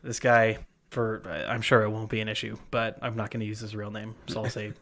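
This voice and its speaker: A man's voice: on the low side, completely flat delivery, fairly quick, fairly bright tone. A man co-hosting a podcast, telling a story in casual chat, full of fillers and restarts. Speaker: podcast co-host. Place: worked at a gym front desk.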